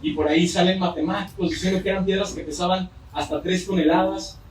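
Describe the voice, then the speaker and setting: A man's voice: sits high, fairly even intonation, fast talker. A man with a Mexican accent preaching a sermon, telling a story with joking asides. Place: church. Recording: roomy church hall from far off.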